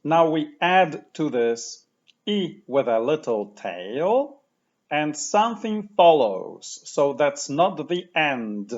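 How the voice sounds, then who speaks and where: A man teaching pronunciation patiently, saying each word slowly and repeating it for the listener to copy. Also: on the high side, sing-song, highs cut off. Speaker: language teacher. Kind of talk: slow, clear pronunciation lesson.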